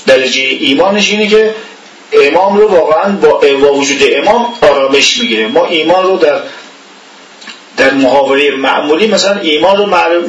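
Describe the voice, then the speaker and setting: A man delivers an informal religious lesson, talking conversationally and posing rhetorical questions to his listeners. His voice sits a little high for a man. He sounds set back from the mic, with the echo of a reverberant room around him. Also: fairly bright tone. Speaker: religious teacher. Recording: echoey room, voice from far off the mic.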